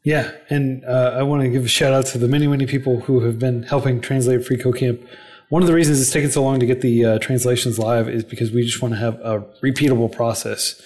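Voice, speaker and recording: A man speaking as a podcast guest in a casual interview. His voice sits at a middle pitch, and he explains in an earnest way. He speeds up in quick bursts and uses plenty of fillers. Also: steady tone, darkish tone. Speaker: podcast guest, non-profit founder.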